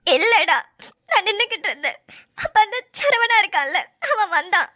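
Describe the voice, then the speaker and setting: A woman's voice: very high voice, lively intonation, normal speed, bright, forceful tone, exaggerated voice. A woman voicing a tearful young woman in a cartoon, crying as she talks. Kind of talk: cartoon voice acting.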